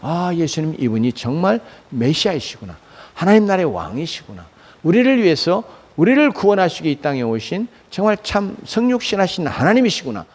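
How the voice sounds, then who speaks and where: A pastor gives a Sunday sermon in a church sanctuary, speaking fairly quickly in a fairly high, sing-song, slightly mellow voice. He answers his own rhetorical questions and fills his speech with frequent fillers.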